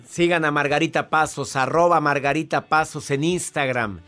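A man's voice: on the high side, moderate pace, a bit bright, faint music behind. Upbeat man hosting a podcast. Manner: upbeat, effusive, praises guest. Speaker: podcast host. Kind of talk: interviewing a guest.

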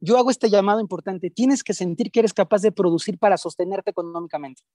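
A woman's voice: medium pitch, quick pace, mellow, dry recording, clean studio sound. A woman with a Mexican accent, a guest therapist who explains her ideas emphatically and with everyday examples during an interview. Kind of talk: teaching in an interview.

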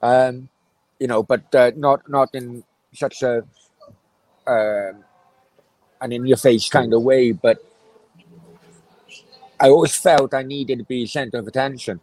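A man in his forties with a South Wales Valleys accent, answering reflectively and haltingly in a casual interview. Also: medium pitch, fairly even intonation, darkish tone, no echo, poor audio. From Merthyr, South Wales. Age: 40s. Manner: halting, hesitant delivery with many pauses. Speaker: interview guest, former councillor.

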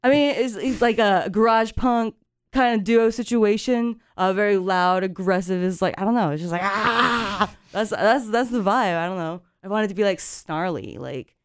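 Chatty anxious woman, smooth dry voice. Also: mid-range voice, normal speed, dry recording. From Japan. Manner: rambling, filler-heavy, laughs often. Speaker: musician guest. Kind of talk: casual chat.

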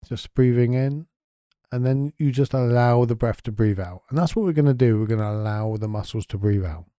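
A man guiding a sleep meditation, talking softly, slowly and soothingly. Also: mid-range voice, clean tone, no echo, studio quality. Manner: soft, slow and soothing. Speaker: meditation guide.

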